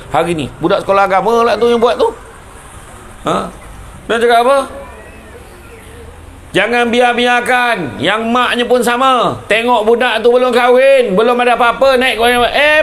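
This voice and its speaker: Man, Malaysian Malay accent, chatty preacher at a community talk; fairly high voice, faint room ambience, teasing and full of rhetorical questions. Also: fairly bright tone, slight background noise. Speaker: religious lecturer. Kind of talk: casual sermon to a live audience. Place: community lecture event.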